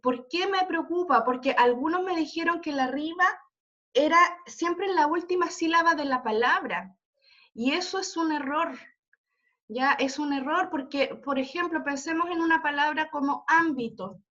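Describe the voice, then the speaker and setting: A woman's voice: high voice, moderate pace, pushed and bright. A woman teaching an online literature class, explaining step by step and checking in with her students. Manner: explanatory, checks in often with "¿ya?" and "¿cierto?". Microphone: computer mic on a video call. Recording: dull lo-fi video call audio.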